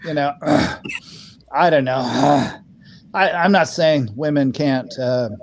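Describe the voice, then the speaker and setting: A man's voice: on the high side, slow, slight background noise. A man co-hosting a casual political podcast, talking in an opinionated, rambling way with many fillers and restarts. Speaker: podcast co-host.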